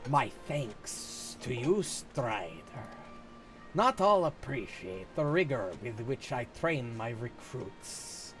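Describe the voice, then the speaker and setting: Man acting out stern serpent game character, snake voice, hissed sibilants, slow archaic delivery, faint music. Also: medium pitch, big pitch swings, a bit bright. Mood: stern, measured. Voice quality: hissed, drawn-out S sounds. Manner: slow, formal, archaic phrasing. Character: stern serpent-like recruit trainer with a hissing snake voice. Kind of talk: video game dialogue read aloud in character.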